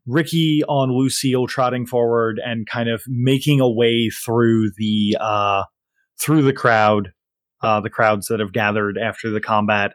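A man narrating a tabletop game as game master, improvising haltingly as he searches for words. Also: mid-range voice, no room sound.

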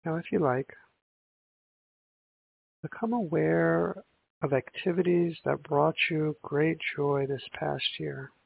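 Gravelly man guiding meditation like a sleep narrator. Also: on the high side, no room sound. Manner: slow, soothing, with long pauses between instructions. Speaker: meditation guide. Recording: muffled, phone-like narrow sound.

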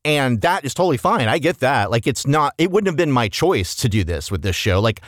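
Lively man chatting on a podcast. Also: medium pitch, brisk, no room sound, clean studio sound. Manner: emphatic, sweary, analytical. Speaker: podcast host. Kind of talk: casual opinionated review chat.

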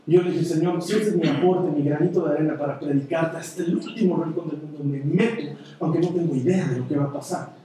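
A man preaching a sermon, telling personal stories in an earnest way and often dropping into a soft, quiet voice. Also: on the high side, fast talker, a little hiss or hum. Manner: earnest, personal storytelling with sudden soft drops. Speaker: pastor. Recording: echoey hall, voice from far off.

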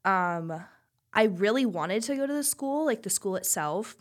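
A woman's voice: mid-range voice, lively intonation, measured pace. A young woman in her twenties, a former college swimmer, chatting candidly as a podcast guest and filling her talk with "like". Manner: heavy use of "like", chatty and candid. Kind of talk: casual chat.

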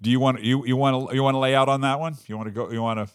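A man's voice: medium pitch, fairly even intonation, very fast, smooth, dry recording, clean studio sound. A man hosting a casual discussion, rambling and often restarting his sentences as he thinks aloud. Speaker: podcast host.

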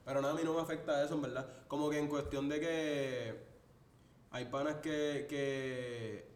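A man, a music producer guesting on a podcast, relaxed and laughing easily. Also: normal speed, recorded from a distance. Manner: relaxed, laughing, repetitive fillers. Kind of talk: casual chat. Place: podcast studio. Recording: echoey room, off-mic, faint rumble.

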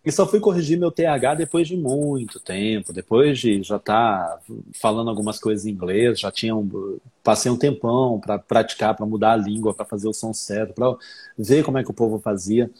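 Husky man telling lively stories. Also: on the low side, moderate pace. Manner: animated storyteller, acts out his own past thoughts. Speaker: English teacher, interview guest. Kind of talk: casual interview chat.

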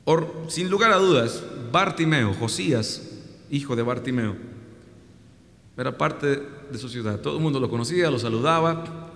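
Preacher, jokey and animated, lively pitch swings, reverberant church hall. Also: male voice, normal speed. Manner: animated, jokey, acts out voices in the story. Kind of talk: humorous sermon with storytelling.

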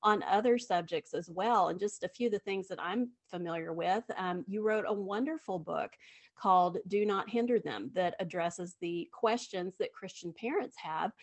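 A woman chatting casually as the co-host of a podcast. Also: on the low side.

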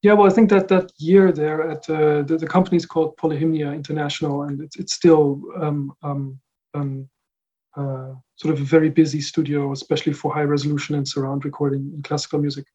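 Dutch-raised man with a mellow, dull-sounding voice. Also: fairly high pitch, level tone, brisk. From Netherlands. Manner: thoughtful, many fillers and restarts. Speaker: recording engineer guest. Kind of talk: casual interview answers.

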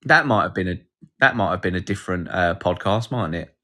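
A man's voice: deep voice, expressive, brisk, bright, forceful tone. A man hosting a live podcast, chatting casually and jokily, reading out comments from listeners. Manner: rambling, jokey, reads out chat comments. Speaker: podcast host.

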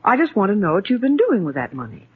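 A woman's voice: mid-range voice, huge pitch swings, fast, slightly rough, exaggerated voice. An actress playing an anxious, earnest stepmother in a 1940s radio drama, on a tinny old recording. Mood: stern. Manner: earnest, pleading.

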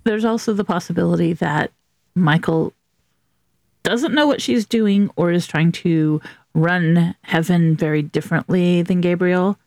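Co-host with a gravelly, fry-tinged voice, thinking out loud. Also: mid-range voice, a little slow, no echo, clean studio sound. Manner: musing, uses "you know" often. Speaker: podcast co-host. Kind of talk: casual podcast discussion.

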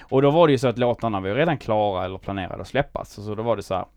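A man's voice: fairly low pitch, a little mellow, no room sound. A man with a Skåne accent, a musician guest in casual chat, hesitant and full of fillers.

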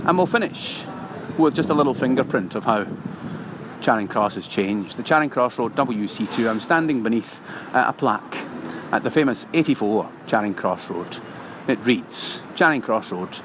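A man's voice: medium pitch, expressive. Man guiding a walk on a noisy street. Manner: measured, formal phrasing with frequent "uh" pauses. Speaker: walking tour guide. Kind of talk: on-location podcast narration. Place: outdoors on a busy city street. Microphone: handheld recorder on location. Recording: outdoor street recording with traffic noise.

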